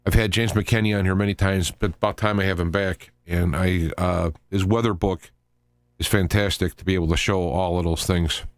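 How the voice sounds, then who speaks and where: A deep, steady-toned man hosts live talk radio, delivering unscripted remarks in a rambling, halting manner with frequent stops, starts and tangents. The recording is dry.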